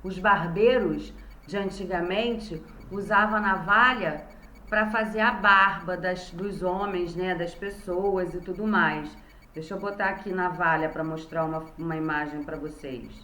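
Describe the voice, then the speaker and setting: A woman's voice: fairly low pitch, fairly even intonation, measured pace, sharp tone, a little hiss or hum. A woman teacher with a Brazilian Portuguese accent, giving a recorded lesson to young children and patiently sounding out words syllable by syllable. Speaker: primary school teacher. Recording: roomy echo.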